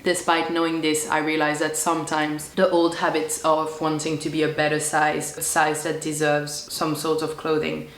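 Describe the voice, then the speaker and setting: A young woman with a head cold talks casually to camera from her sewing room, her voice low-pitched, croaky and hoarse. She rambles chattily with plenty of fillers, and the room gives her voice a noticeable echo. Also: monotone, moderate pace, few pauses. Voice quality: deep, croaky voice. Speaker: sewing vlogger.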